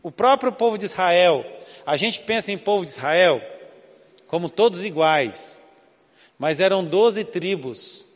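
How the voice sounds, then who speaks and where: This is a conversational sermon by a man from Southeast Brazil, thick with rhetorical questions and spoken in Southeast Brazilian Portuguese. His high voice is animated and measured in pace; the church hall recording sounds big-roomed and muffled.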